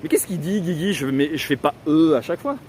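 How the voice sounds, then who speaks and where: A man's voice: fairly high pitch, lively intonation, brisk, darkish tone, slight background noise. Man, southern French accent, casual live-stream host, chatty, laughs a lot, walking outdoors, handheld camera. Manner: chatty, laughs often, joking asides. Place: outdoors on city streets.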